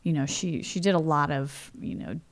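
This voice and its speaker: A woman in her forties from California tells personal stories as a guest in a casual interview, speaking from home. Her low-pitched voice moves at normal speed, and her chatty talk is full of "you know" and "like."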